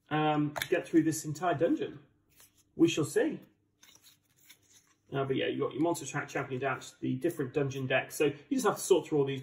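A man's voice: medium pitch, a little mellow. A man with an English accent giving chatty, enthusiastic, casual unboxing commentary as a board game channel host. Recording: roomy, distant microphone.

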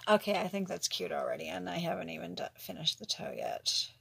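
A middle-aged woman with a gravelly, husky voice chats her way through a home nail art tutorial. She murmurs to herself as she works and slips into soft whispers now and then. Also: on the low side, animated, brisk. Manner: chatty, talks to herself while working, drops into whispers. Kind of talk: casual tutorial chat.

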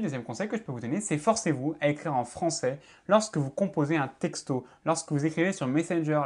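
A man giving a lesson on spelling mistakes, repeating advice insistently and spelling words out letter by letter. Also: a little high. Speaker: law lecturer and content creator.

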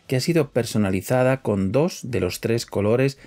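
A man's voice: medium pitch, normal speed, darkish tone. A man presenting in the style of a scripted documentary narration.

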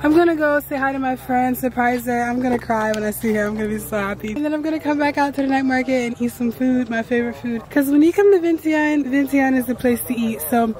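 High-voiced chatty woman vlogging. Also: quick pace, few pauses. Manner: chatty, rambling, excitable. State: tired after a long ride. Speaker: travel vlogger. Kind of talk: casual vlog chat to camera. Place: outdoors at night after a motorbike ride.

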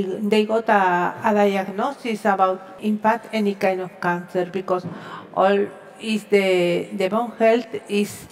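A woman's voice: medium pitch, a little mellow, poor audio. A middle-aged woman from Spain, an oncology nurse speaking earnestly on a conference panel and repeating words as she searches for them. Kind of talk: panel discussion. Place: stage at a conference hall. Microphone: headset mic.

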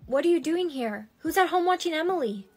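A woman acting the lead in a storytime skit, emotive and quick to sound scared or excited. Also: high-pitched. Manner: emotive, shifting between fear and excitement. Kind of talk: acted skit dialogue.

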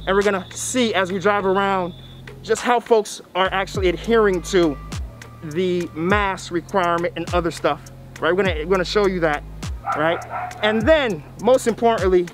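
A man in his thirties hosting a vlog to camera through a face mask, emphatic and repeating phrases for effect. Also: sits high. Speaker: video series host. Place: outdoors on a tree-lined roadside.

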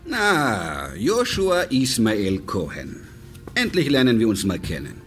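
An actor voices a smooth, paternal, domineering businessman for a radio crime drama, measured and courteous yet quietly threatening. His voice is mid-range with huge pitch swings, and faint music plays behind.

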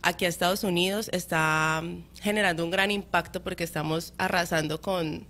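A woman co-hosting a morning show, introducing guests in a playful, warm way. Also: fairly low pitch, steady tone, moderate pace. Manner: playful, laughing, then warmly presenting guests.

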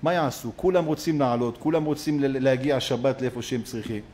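A man, a rabbi, gives a sermon in a synagogue as an animated storyteller who acts out the people in his story. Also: mid-range voice.

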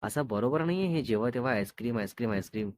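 A man's voice: mid-range voice, lively intonation, very fast, slight background noise, natural voice. A man reading the part of a playful, apologetic young man in a spoken love story, in a coaxing tone. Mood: coaxing teasing.

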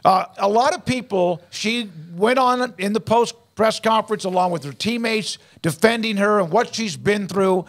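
A man's voice: high voice, moderate pace, hardly any pauses. A man in his sixties hosting a sports talk show in a studio, firm and opinionated, building points in lists. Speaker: lead sports talk host. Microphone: studio mic with headphones.

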